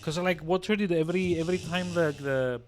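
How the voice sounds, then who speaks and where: A man with a fairly high voice plays a video game and comments casually. He thinks aloud tentatively, often repeating words as he works things out. Music plays faintly behind him. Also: quick pace. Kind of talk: casual let's play commentary.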